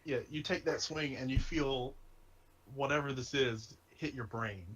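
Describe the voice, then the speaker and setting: A man narrates as game master of a tabletop game. His voice is husky and breathy at a medium pitch. He talks casually and wryly and laughs easily. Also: unhurried, fairly bright tone. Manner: laughing often, casual and wry. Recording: streamed game session.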